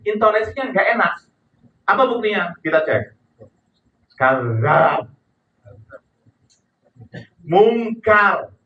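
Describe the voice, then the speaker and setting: A man preaching a sermon, chanting verses slowly and pleading with his listeners. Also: a little high. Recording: echoey hall heard from far off over a tinny line.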